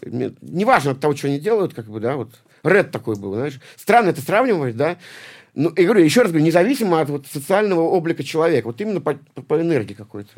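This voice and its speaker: A man in his late forties from St Petersburg, Russia, a punk poet and musician, speaks as a guest in a casual interview. His voice is a little high and fast, with big pitch swings, and he rambles, swears heavily, and keeps restarting and repeating words.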